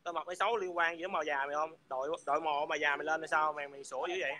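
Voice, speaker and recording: A man's voice: on the high side, fairly even intonation, very fast, bright, forceful tone. A man hurling crude, taunting insults in a heated livestream rant. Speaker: livestream speaker.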